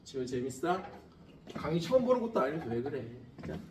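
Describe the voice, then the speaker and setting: Fast and very animated, a man with a high-side voice runs a cram-school science lecture, blunt and profane, joking and shooting questions at students. The background is noisy, the room echoes and the mic is distant.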